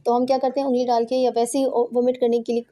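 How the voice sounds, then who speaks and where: Her delivery is flat, her voice mellow and a little high, as this Quran pronunciation teacher patiently demonstrates throat sounds, one step after another. The informal home lesson was captured on a phone.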